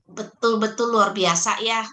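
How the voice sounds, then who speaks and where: Bright-voiced animated woman. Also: fairly high pitch, unhurried. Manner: animated storyteller who acts out voices. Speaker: podcast guest, parenting practitioner. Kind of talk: casual conversational talk.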